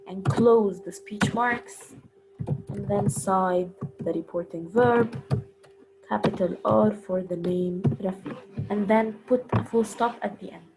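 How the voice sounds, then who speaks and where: Woman teacher walking through punctuation real slow, mid pitch, noisy recording. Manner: slow, step-by-step explaining. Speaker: English teacher.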